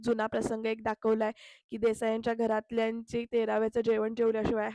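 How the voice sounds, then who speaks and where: A woman's voice: a little high, completely flat delivery, fairly quick, mellow, no echo. A woman narrating a chatty voice-over recap of a TV serial episode, talking straight to the viewers. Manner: chatty, addresses viewers directly.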